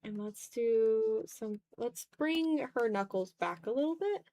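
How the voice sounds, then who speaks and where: A woman in her twenties talks casually on her art livestream from a room at home, muttering as she draws with self-deprecating humor and offhand swearing. Her fairly high voice is animated yet unhurried and dark in tone. No room sound is audible.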